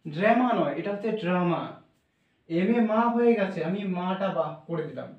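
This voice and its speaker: A man's voice: high-pitched, animated, fairly quick, lo-fi sound. A man teaching English pronunciation in a classroom style, patiently repeating words and sounding out letters one by one. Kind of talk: classroom explanation. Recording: echoey room from far off.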